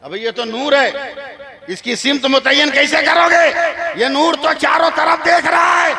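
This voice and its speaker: A man's voice: very high voice, a little slow, pitched above the performer's own voice. A man preaching voices a defiant six-year-old madrasa boy who answers back boldly. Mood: triumphant. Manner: shouting boldly with chest puffed out. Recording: live crowd around a loudspeaker.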